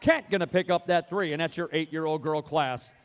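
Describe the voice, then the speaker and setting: Man, sports announcer, live race commentary, high pitch, clear smooth voice, folksy slangy patter. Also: brisk.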